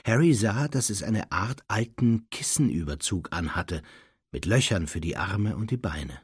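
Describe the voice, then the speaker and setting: A male audiobook narrator tells the story in a lively voice that shifts up and down. His tone is slightly husky, and the recording is close and dry with no room sound. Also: lowish voice, unhurried, no echo. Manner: expressive storytelling. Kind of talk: scripted narration.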